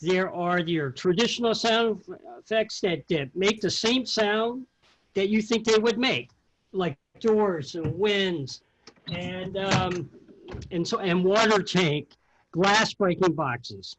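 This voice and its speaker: A middle-aged man who creates sound effects for the theatre explains things informally, halting as he searches for words. His voice is high-pitched and a bit bright, and the recording is rough.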